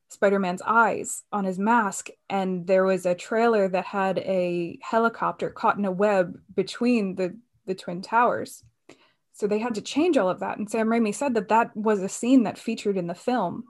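A woman's voice: medium pitch, steady tone, normal speed. Chatty woman discussing films. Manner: chatty, with many fillers and restarts. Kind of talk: casual film discussion.

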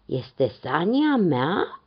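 A woman's voice: lowish voice, very animated, slightly rough, pitched above the performer's own voice. Moș Crăciun, kindly old man, voiced by a woman. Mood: wondering. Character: kindly old Father Christmas, surprised. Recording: dull lo-fi recording.

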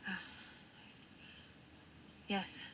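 An actress playing a hesitant, honest nurse who answers questions nervously and softly in a film drama. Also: female voice, very slow. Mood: uneasy, hesitant. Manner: hesitant, soft. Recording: muffled, noisy film playback.

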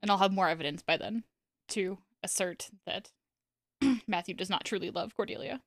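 A woman co-hosting a casual book podcast, talking in slow emphatic asides and laughing often. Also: medium pitch, no room sound, clean studio sound. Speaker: podcast co-host.

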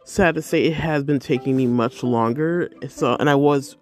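A bubbly, effusive woman hosts her own life-coaching podcast in a casual, rambling monologue full of fillers. She sounds a little tired. Faint music plays quietly behind her. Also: extremely low pitch, moderate pace. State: tired, yawning.

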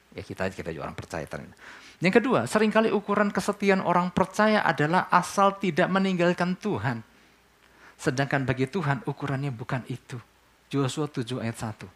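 Pastor preaching conversationally. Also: male voice, on the high side. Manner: conversational preaching, asks the congregation questions and answers them. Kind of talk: sermon.

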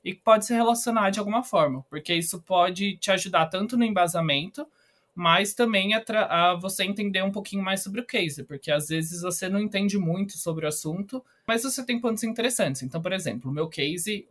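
Brief: young Brazilian trainee, man, earnest explainer, slightly high, crisp bright tone. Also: fairly quick. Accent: Brazilian Portuguese. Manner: earnest, explanatory, giving tips. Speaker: company trainee, interviewee. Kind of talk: casual interview answers.

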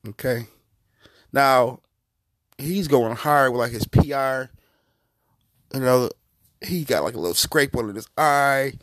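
A man hosting a podcast, giving profane, mocking comedic commentary in an animated way. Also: mid-range voice, slow, pauses often, no echo, studio quality. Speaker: podcast host.

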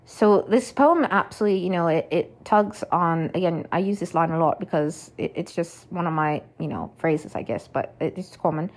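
A woman with a slightly low voice talks casually about poetry on her podcast. Her talk rambles, and she leans on fillers like "you know" and "um" as she thinks aloud. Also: normal speed, hardly any pauses. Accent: unplanned put-on accent when reading poetry. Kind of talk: casual poetry reading and discussion.

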